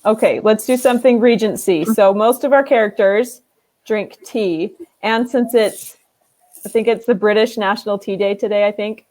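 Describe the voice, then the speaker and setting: A woman chatting on a video call, telling a funny story and quoting herself in a squeaky voice. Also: fairly even intonation, moderate pace, a little mellow. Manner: giggly, quotes herself in squeaky voice. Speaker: author and group admin, moderator. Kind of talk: casual video call chat.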